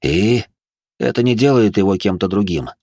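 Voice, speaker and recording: A man reading the lines of a calm male ghost in an audiobook. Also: fairly low pitch, normal speed, no room sound, studio quality. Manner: calm, even. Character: calm translucent male ghost, spirit brother.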